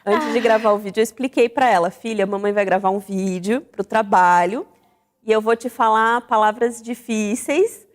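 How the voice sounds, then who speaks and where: Female talk-show host, high-pitched, reflective and questioning, long room reverb. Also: moderate pace. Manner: reflective, animated, asks the audience questions.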